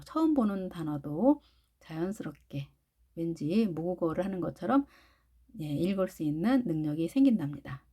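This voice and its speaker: Lady doing a phonics lesson, talks real slow and patient, mellow voice. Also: lowish voice. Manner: patient, explains step by step, models each word slowly. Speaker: English phonics teacher.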